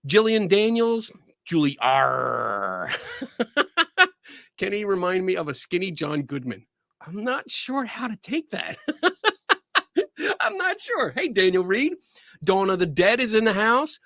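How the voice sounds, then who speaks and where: A man with a Philadelphia accent hosting a livestream show in a casual, excitable way, often laughing. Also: high voice, slow, gravelly, pauses often, no room sound, clean studio sound. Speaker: podcast host.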